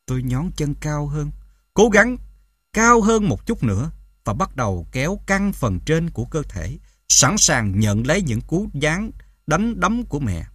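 A man narrating a first-person audiobook in an expressive, dramatic way. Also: on the high side, unhurried, slightly rough, no echo, clean studio sound.

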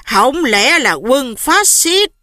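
A horrified old grandmother laments slowly and softly over her beloved dog, as a woman reading the story puts her on. The voice stays bright and sits close in a dry recording. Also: sits high, very animated, dry recording, exaggerated voice. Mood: dismayed. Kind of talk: audiobook character voice.

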